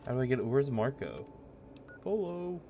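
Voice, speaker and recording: Man streaming a game, low voice, casual laid-back talk, faint background hum. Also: normal speed. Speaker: streamer host. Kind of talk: casual gameplay commentary.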